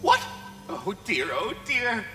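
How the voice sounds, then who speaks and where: An actor voicing a needy, fretful apparition of anxiety in a video game, nervous and panicky. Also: male voice, sits high, huge pitch swings, takes it slowly, bright, forceful tone, big-room sound, soft background music, exaggerated voice. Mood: panicked. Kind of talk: video game character acting.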